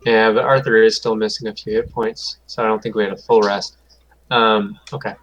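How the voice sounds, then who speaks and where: A man's voice: on the low side, level tone, brisk, a bit bright, low-quality recording. A man playing a tabletop game, thinking aloud and joking with the table. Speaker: player. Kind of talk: casual tabletop game chat.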